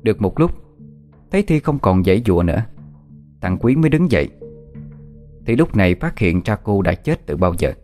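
A man narrating a horror story in a slow, measured way. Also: fairly low pitch, very animated, a little mellow, soft background music.

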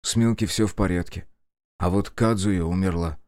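A man's voice: low-pitched, normal speed, a little mellow, dry recording, lightly acted. A man doing a nasal, guilt-ridden young man. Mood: brooding.

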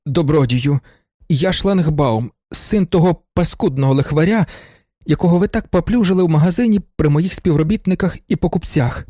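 A man's voice: on the high side, moderate pace, dark tone, no room sound, clean studio sound, voice pushed up, lightly acted. A man voicing a proud young man who speaks formally with tight, pointed control in a storybook reading. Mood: stiff. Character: proud, tense young man standing up for his father.

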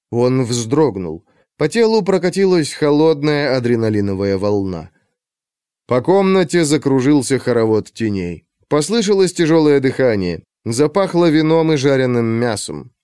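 A man narrates an audiobook in a measured, suspenseful way. His voice sits at an ordinary middle pitch. The sound is dry and close to the mic. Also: darkish tone, smooth, dry recording. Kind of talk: scripted narration.

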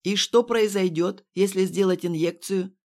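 A woman's voice: mid-range voice, unhurried, a little mellow, natural voice. Storybook role: a woman reading a hard, commanding young man. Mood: harsh, commanding. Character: tough commanding young man, first-person hero.

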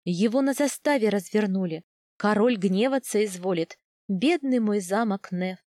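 A woman voicing a brisk, wry noble mother in a storybook reading. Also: mid-range voice, warm tone, dry recording, studio quality, close to an everyday voice.

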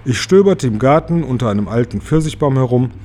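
A man's voice: medium pitch, animated, a little fast, darkish tone, lightly acted. A man voicing a proud, boastful giant centipede in a read-aloud storybook, showing off and mocking the others. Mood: storytelling.

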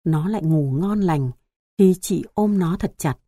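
Mellow low-voiced woman narrating a story. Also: measured pace, dry recording. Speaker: audiobook narrator. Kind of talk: scripted audiobook narration.

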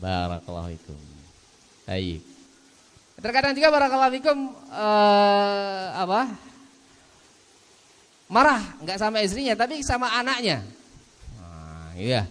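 A man's voice: high voice, wildly swooping pitch, measured pace, long pauses, fairly bright tone. A man teaching manners in a mosque study lecture, often repeating a blessing phrase and acting out little scenes. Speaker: ustadz teaching a book on manners. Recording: long hall reverb.

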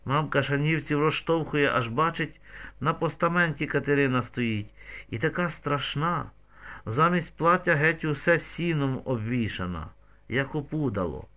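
A man's voice: a little high, normal speed, bright, forceful tone. A man narrating a novel as an audiobook, telling the story expressively with vivid shifts in tone.

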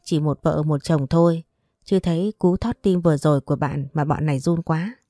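Lady reading a cheeky young guy cracking jokes, fast bits, warm voice. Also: low voice, no echo, studio quality, lightly acted. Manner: jokey, boastful. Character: joking young man, cheeky show-off.

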